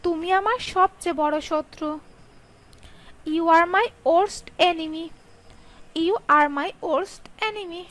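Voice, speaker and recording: A woman with a very high voice runs a sentence drill, reading each English phrase at a crawl with careful spacing. Her Bengali lines are much quicker than the English. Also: a bit bright, low-quality recording. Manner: slow, carefully spaced delivery, Bengali read quickly, English drawn out. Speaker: English teacher.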